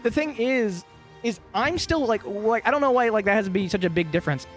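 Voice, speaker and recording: Game music and effects fill the background as a man in his twenties, high-voiced and animated, talks a little fast. He's co-hosting a video game session, rambling casually with lots of swearing, laughter and restarts.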